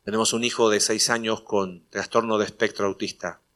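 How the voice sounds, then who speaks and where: A man's voice: on the low side, little pitch movement, a little fast, fairly bright tone. A man preaching a sermon, telling a personal story in a conversational way and acting out the dialogue before building to emphatic preaching. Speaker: pastor.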